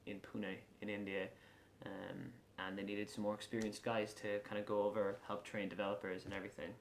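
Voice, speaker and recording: West of Ireland man, low echoey voice. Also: little pitch movement, brisk, creaky. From Galway, west of Ireland. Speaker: lacrosse player being interviewed. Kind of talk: casual interview answers. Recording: echoey room with faint background noise.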